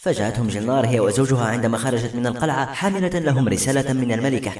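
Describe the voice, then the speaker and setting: A male audiobook narrator reads a novel at a quick, steady clip. His voice sits at an ordinary middle pitch. The recording sounds roomy and echoey. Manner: brisk, steady reading. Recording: roomy echo.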